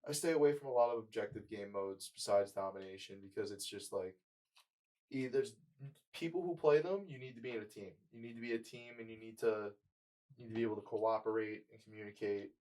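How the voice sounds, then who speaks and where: A man's voice: on the low side, a little fast, a little mellow, low-quality recording. A man in his twenties co-hosting a podcast in casual chat, rambling, full of "like" and swearing. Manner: rambling, profane, lots of "like". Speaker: podcast co-host.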